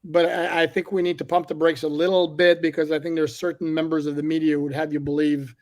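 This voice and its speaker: Male reporter guest, slightly high flat voice, blunt and candid. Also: fast talker. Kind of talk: casual sports talk.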